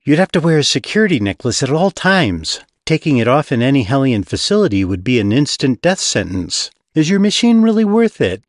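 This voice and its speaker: A man's voice: medium pitch, very animated, fairly quick, hardly any pauses, no echo, voice pushed up. A man voicing a haughty female demon baron with a dry, teasing, brochure-like manner. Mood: sly.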